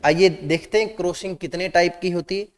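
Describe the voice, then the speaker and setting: High-voiced man teaching. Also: fairly quick, big-room sound. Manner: questions the class, mixes Hindi and English. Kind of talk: classroom lecture.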